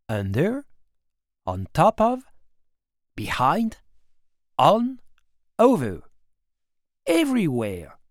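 A narrator with a French accent telling a story slowly and deliberately, with dramatic pauses. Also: mid-range voice, dry recording, clean studio sound.

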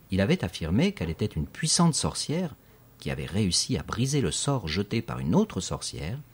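A man narrating an audiobook in a steady, clear reading voice. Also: low voice.

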